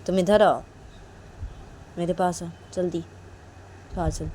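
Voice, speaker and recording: A woman voicing a strict, angry mother who loudly orders her daughter to come to her. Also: fairly low pitch, steady tone, takes it slowly, slight background noise. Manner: loud demanding commands.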